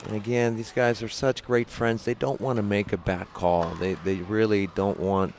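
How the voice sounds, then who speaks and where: A man calling a pickleball match live, measured play-by-play with quick bursts of excitement. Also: fairly low pitch, a little hiss or hum. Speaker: pickleball commentator. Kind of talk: live sports commentary.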